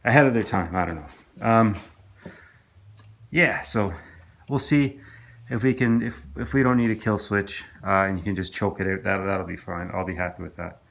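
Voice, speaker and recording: A man's voice: low-pitched, normal speed, gravelly, fairly bright tone. A man casually narrating his work on an old outboard engine in a home workshop, with lots of hesitant restarts and fillers. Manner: rambling, hesitant, full of restarts and ums.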